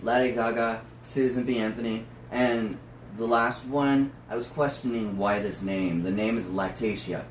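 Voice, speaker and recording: A man's voice: fairly low pitch, fairly even intonation, normal speed, few pauses. A man who is a drag performer, talking casually through notes in a discussion. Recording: roomy, distant mic with faint noise.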